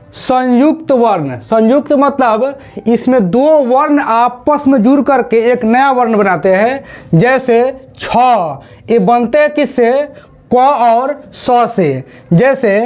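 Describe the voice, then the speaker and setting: A woman teaching Hindi grammar for exams, asking questions and drilling the pronunciation of each word slowly. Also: fairly high pitch, a little mellow. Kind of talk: exam-prep classroom lesson. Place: classroom with a board.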